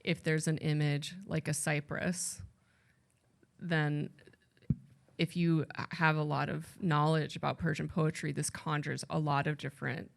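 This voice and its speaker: A woman translator speaks on a panel at a library event in a low, gravelly voice, flat and a little slow. Her casual panel talk is thoughtful and rambling, and she often corrects herself mid-sentence.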